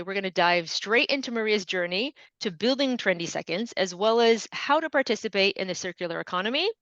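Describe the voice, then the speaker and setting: A woman's voice: medium pitch, fairly bright tone, dry recording. A woman hosting a podcast, reading an upbeat intro and asking the guest questions. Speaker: podcast host. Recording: dry, dull lo-fi sound.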